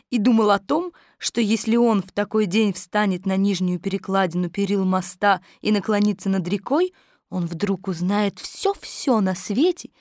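A woman narrating a children's story aloud in a flowing, gentle way. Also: mid-range voice, no echo, studio quality. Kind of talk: audiobook reading of a children's story.

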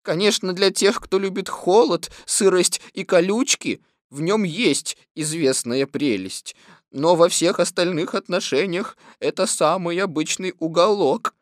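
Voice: mid-range voice, no echo, clean studio sound, lightly acted. A reader voicing a gloomy, grumbling old male donkey in an audiobook. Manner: slow, glum, long-winded. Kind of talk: audiobook reading.

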